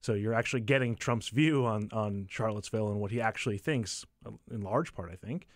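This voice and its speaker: A man appearing as a guest reporter, casually breaking down politics with quick laughing asides. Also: lowish voice, dry recording, clean studio sound. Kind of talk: casual political analysis chat.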